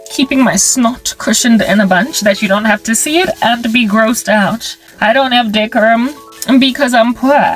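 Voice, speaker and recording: A South African woman in her forties talking to camera in a casual, wry monologue. She is animated and playful, and she mixes in sound effects and phrases from local languages. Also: on the high side. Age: 40s. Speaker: vlogger and ministry creator.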